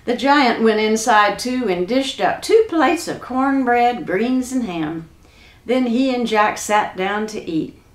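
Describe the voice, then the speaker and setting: A woman storyteller reading a folk tale aloud in an unhurried, folksy way. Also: a little high, expressive, reverberant. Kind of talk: storybook narration.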